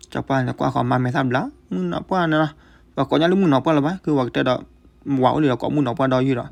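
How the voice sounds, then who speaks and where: A man telling a folk story, switching between loud outbursts and hushed asides. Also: medium pitch, gravelly.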